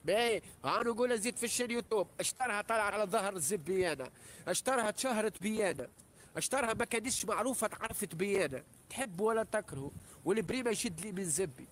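Fast, high-voiced Tunisian man ranting. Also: slight background noise. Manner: insulting, boastful and repetitive, with heavy swearing. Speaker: live streamer. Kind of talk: angry live-stream rant.

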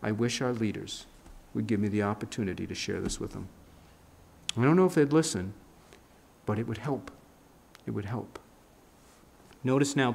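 A pastor in his fifties, with a medium-pitched, darkish voice, preaches emphatically and with gestures from a church pulpit. He's captured through a pulpit mic and filmed by a fixed camera in the sanctuary.

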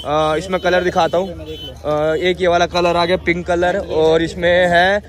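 Walking through a crowded open-air market, a young man records a casual handheld vlog on a phone at arm's length, talking with vendors and saying every price back to the camera. He speaks in a high-pitched, flat manner at a measured pace, with crowd noise around him.

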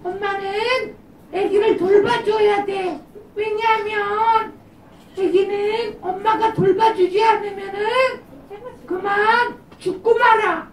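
A soft, squeaky little spirit of goodness coos patient advice, as a woman puppeteer puts her on. The words come slowly and carefully, and the voice sounds roomy and a little distant, as if taken from the back of a preschool room during a live puppet show. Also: fairly even intonation, slight background noise. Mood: gentle pleading. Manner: soothing, patient, coaxing.

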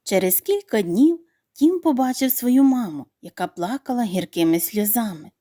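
A woman narrating a children's bedtime story in an expressive, animated reading voice. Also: a little high, normal speed, no echo, studio quality.

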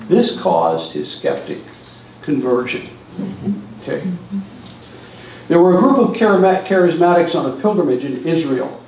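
With big swings in pitch and long pauses, this older man speaks at a normal pace in a slightly high, mildly mellow voice. He's telling stories at a church seminar, gesturing from a lectern, and the distant recording carries hall echo plus a little hiss or hum.

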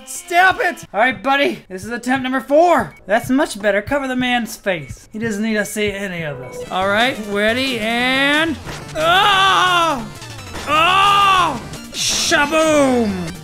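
Over background music, a performer plays a walrus with tusks who hosts game videos, giving excitable, playful commentary full of yelps and shrieks. The exaggerated voice is high-pitched and very animated yet delivered at a slow pace.

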